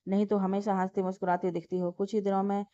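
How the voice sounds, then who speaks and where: A woman voicing a caring young woman who gently coaxes and scolds her friend. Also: mid-range voice, level tone, fast, no room sound, lightly acted. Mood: coaxing. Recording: dull lo-fi dry recording.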